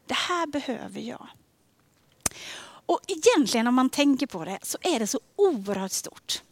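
A woman giving a sermon in a gentle, conversational way, often dropping to a soft near-whisper on key questions. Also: high-pitched, sing-song, slight background noise. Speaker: preacher.

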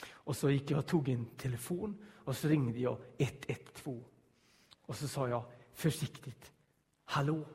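A man telling a personal story aloud, suspenseful and hushed at the tense moments, acting out the voices he quotes. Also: a little high, big-room sound.

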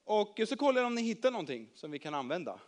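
A man voicing Jesus in a children's Bible story, speaking calmly and kindly. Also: high-pitched. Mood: gentle. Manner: calm and kind. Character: Jesus, calm gentle male teacher.

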